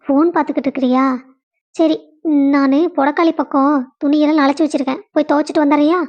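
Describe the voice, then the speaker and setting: A bossy sister-in-law who hands out chores, as a woman acts her out, with a Kongu Tamil accent. Her voice sits very high. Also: flat delivery, quick pace, a little mellow, dull audio, close to an everyday voice. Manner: bossy, giving orders.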